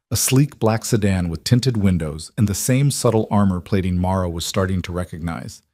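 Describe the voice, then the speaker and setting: A man narrating a scripted story in an even, measured audiobook manner. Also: lowish voice, no room sound, clean studio sound.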